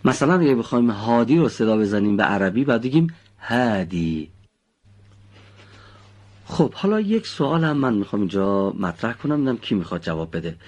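A man's voice: mid-range voice, very animated, hardly any pauses, darkish tone. A male teacher patiently quizzing his pupils and praising their answers. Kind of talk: classroom teaching with questions to pupils.

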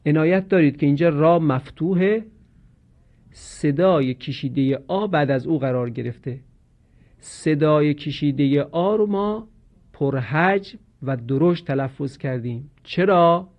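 A man teaching Quranic pronunciation in a slow, measured lesson, drawing out each example word as he recites it. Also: on the high side, expressive, highs cut off.

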